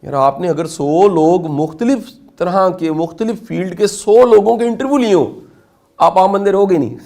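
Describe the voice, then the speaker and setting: A middle-aged man from Pakistan, giving an animated motivational lecture and asking his audience questions. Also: high voice.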